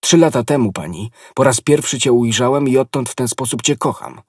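A man's voice: mid-range voice, brisk, a little mellow, slightly rough, dry recording, studio quality, distant mic, voice pushed up, close to an everyday voice. A man reading an ardent lovesick nobleman. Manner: passionate, impassioned declarations. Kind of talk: audiobook character reading.

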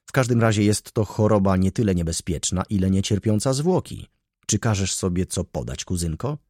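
A man's voice: sits low, expressive, moderate pace, warm tone, dry recording, clean studio sound. A man reading an audiobook voices a flippant young society man in a mocking, offhand tone.

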